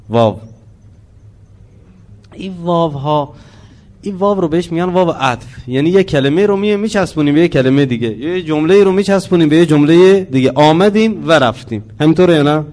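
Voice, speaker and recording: A man teaching a religious lesson on the Quran. He explains slowly, asks the listeners questions and chants Arabic verses in a drawn-out voice. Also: a little high, animated, darkish tone.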